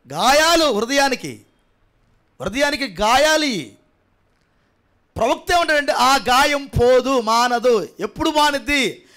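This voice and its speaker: A male pastor with a coastal Andhra Telugu accent delivers a sermon in a very high, piercing voice. He drops to hushed pleading, then rises to loud shouts, and keeps putting questions to his listeners. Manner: swings between quiet pleading and loud shouting; repetitive, rhetorical questions to the congregation.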